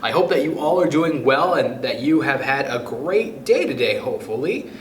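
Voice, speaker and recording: A man leads a children's storytime at normal speed, his medium-pitched voice very animated as he reads a picture book aloud and talks to the young listeners. Faint background noise and a roomy echo fill the recording.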